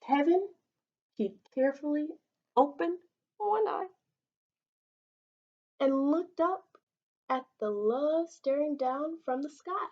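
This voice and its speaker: A woman's voice: high voice, lively intonation, slow, pauses often, dull audio. A young woman reading a picture book aloud like a teacher, dramatically stretching out words and putting questions to children. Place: small indoor playroom.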